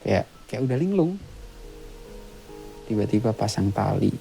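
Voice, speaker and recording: A man with a low, gravelly voice recounts a ghost story as a podcast guest. He talks in short, clipped sentences with a halting, plain delivery. His tone is dark and mellow, and faint music plays underneath. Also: sing-song, poor audio. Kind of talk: casual spoken retelling of a ghost story.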